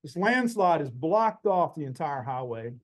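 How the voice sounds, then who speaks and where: A man in his forties, a botany professor, telling a story in a casual, animated way and acting out the dialogue. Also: on the high side, measured pace, rough recording. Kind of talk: storytelling talk.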